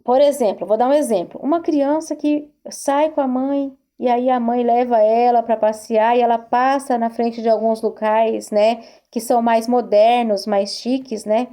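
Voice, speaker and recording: A woman's voice: on the high side, fairly even intonation, normal speed, hardly any pauses, dark tone. A woman therapist giving an earnest self-help talk to camera, repeating herself and asking rhetorical questions. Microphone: recorded video to camera.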